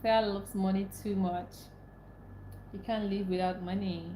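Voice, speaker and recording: In a mellow, mid-range voice with a steady tone and normal speed, a young Nigerian woman whose first language is Igbo hosts a relaxed livestream. She reads viewer comments and chats, often repeating herself and laughing, and the echoey room carries faint ambience plus a little hiss or hum.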